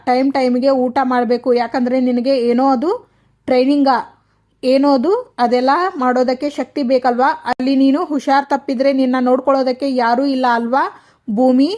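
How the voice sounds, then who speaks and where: A woman's voice: sits high, little pitch movement, fairly quick, darkish tone, natural voice. A woman voicing a caring young woman of the household who fusses over packed food.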